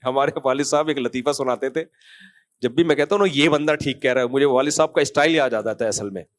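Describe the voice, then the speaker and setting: A man's voice: mid-range voice, quick pace. A man giving a conversational religious talk, telling anecdotes and jokes and acting out the dialogue in different voices. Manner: storytelling, acts out dialogue in different voices, chuckles. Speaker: Islamic scholar giving a talk.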